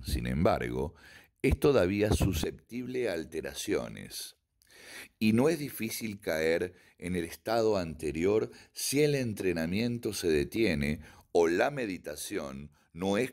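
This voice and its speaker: Male karate instructor, low voice with a wide, lively melody, reads prepared notes deliberately. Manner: measured, deliberate reading with occasional slips and self-corrections. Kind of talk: reading a written text aloud.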